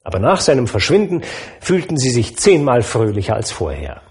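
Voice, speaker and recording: Man, audiobook narrator, lively pitch, expressive, measured storytelling.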